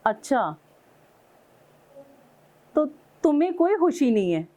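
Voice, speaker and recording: Pakistani woman, high voice, upset caller, scolding and pleading. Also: big pitch swings, slow pace, warm tone. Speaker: caller, estranged wife. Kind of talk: angry phone call to husband.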